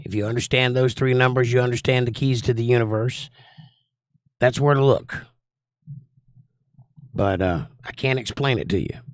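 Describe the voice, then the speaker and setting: A man's voice: mid-range voice, dry recording. Folksy man, dry close sound. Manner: folksy hillbilly drawl, opinionated, rhetorical questions. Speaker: livestream host. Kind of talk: casual livestream chat, monologue answering viewers.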